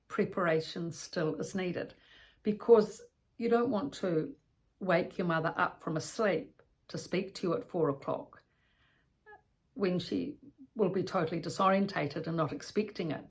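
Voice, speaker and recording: A woman with a lowish voice gives an instructional talk as a care educator. She explains things step by step, using practical examples and repeating key points.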